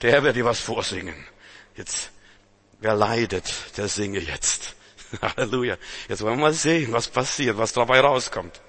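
A man preaching a sermon, dramatic and full of rhetorical questions, swinging between loud exhortation and hushed intensity. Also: on the low side, moderate pace.

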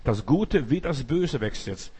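A man's voice: mid-range voice, lively intonation, measured pace, a little mellow, husky. A man preaching an emphatic sermon and acting out the quoted voices.

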